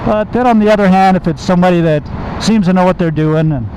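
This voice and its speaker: A high-voiced American man chats casually, telling anecdotes as he rides. His voice comes from inside a motorcycle helmet, with clear engine and road noise around it. He is conversational and repeats phrases to make his point. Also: quick pace. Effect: muffled inside a motorcycle helmet. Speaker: motovlogger and car salesman. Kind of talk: casual storytelling to camera while riding. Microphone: microphone inside helmet.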